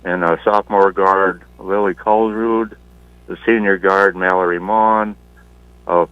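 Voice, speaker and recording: A man, a high school basketball coach, talking in a halting, plain-spoken way during a phone interview. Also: steady tone, clear, resonant tone, no room sound. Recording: tinny dry phone line.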